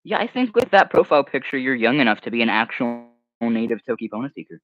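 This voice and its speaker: A fast-talking young man with a medium-pitched voice runs a casual livestream, reading viewer comments. Hebrew is his first language, and he rambles with animation, at times trailing off into mumbles. His home mic sounds dry and slightly muffled.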